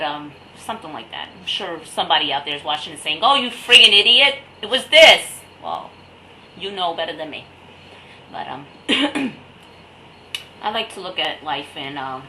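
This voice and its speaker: A woman's voice: deep voice, moderate pace, bright, forceful tone, slight background noise, rough recording. A young woman chatting casually to her camera at home, meandering and jokey, with loose slangy talk. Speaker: vlogger. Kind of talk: casual rambling chat to camera.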